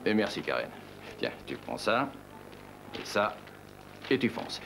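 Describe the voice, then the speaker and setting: An actor dubbing a brisk middle-aged newspaper boss in a TV film. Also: male voice, lowish voice, sing-song, fairly bright tone, full character voice. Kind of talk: dubbed TV film drama dialogue. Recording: noisy dubbed film soundtrack.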